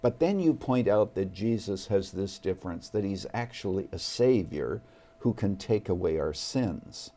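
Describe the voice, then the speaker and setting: A man appearing as a studio guest, speaking earnestly and deliberately about faith. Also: deep voice, lively intonation, dark tone. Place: television studio.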